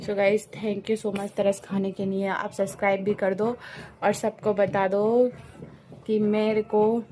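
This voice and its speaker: A woman's voice: mid-range voice, little pitch movement, slow pace, dark tone, slight background noise. A young woman in a casual home vlog, chatting to viewers as "guys" and cooing at her cats while filming on a phone. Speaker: vlogger. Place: home and street outside after rain.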